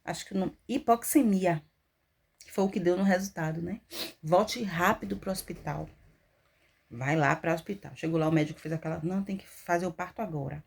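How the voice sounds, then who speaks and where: A woman, telling her own testimony as a mother with emotional, animated storytelling. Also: fairly low pitch, moderate pace, creaky, husky. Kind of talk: personal testimony vlog.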